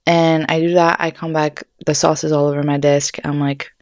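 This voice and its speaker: A woman's voice: low voice, flat delivery, moderate pace, no room sound, clean studio sound. A young woman hosting a podcast, telling a story in casual, rambling chat, swearing often and saying "like" a lot. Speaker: podcast host.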